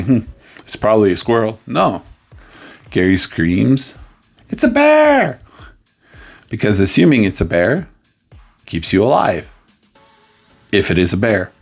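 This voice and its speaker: Gravelly-voiced man giving a playful coaching talk. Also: lowish voice. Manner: playful, jokey storytelling with sudden loud outbursts. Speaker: life coach.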